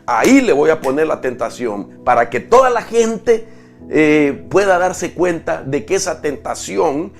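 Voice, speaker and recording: A scheming devil, as a preacher puts him on, plotting his next temptation in a measured first-person boast. The voice stays gravelly and a touch high, close to the preacher's own. Soft guitar plays faintly behind. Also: lively intonation.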